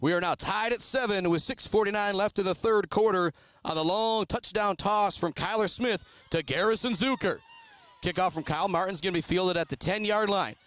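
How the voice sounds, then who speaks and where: A man from Michigan doing radio play-by-play of a high school football game, building to shouts on big plays. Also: normal speed, no room sound. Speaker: play-by-play announcer. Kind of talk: radio sports commentary.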